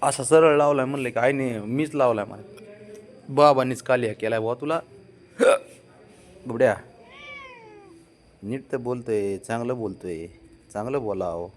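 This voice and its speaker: A man talking casually to his pet cat, coaxing, pleading and gently scolding it. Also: mid-range voice, normal speed, long pauses. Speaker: pet owner.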